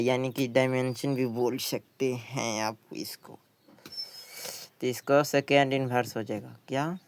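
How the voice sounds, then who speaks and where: A man with a clean, mid-range voice teaches an exam question walkthrough lesson, reading each question aloud and explaining the answer. He frequently repeats himself.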